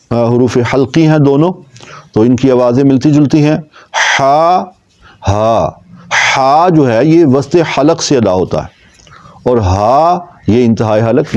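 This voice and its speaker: A man teaching Quran pronunciation in a patient lesson, slowly repeating paired letter sounds for practice. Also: mid-range voice, dark tone, dull audio. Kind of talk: tajweed lesson.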